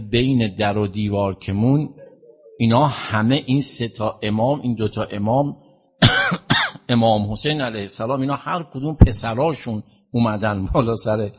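A man as a religious eulogist, telling a mourning sermon in a lamenting, drawn-out way. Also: lowish voice, husky. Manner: lamenting, drawn-out storytelling delivery.

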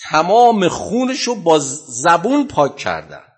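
A male preacher retells a religious story in a sermon, with a husky, slightly rough voice. His pitch rises and falls widely as he dramatizes the scene. Sudden loud bursts punctuate the telling. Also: wildly swooping pitch.

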